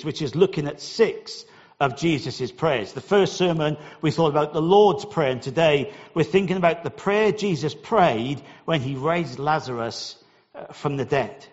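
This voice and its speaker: A man's voice: a little high, normal speed, long reverb tail, lo-fi sound. A middle-aged Welsh man preaching a sermon, telling a personal story in a chatty way and often repeating his first words. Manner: conversational storytelling, repeats words when starting.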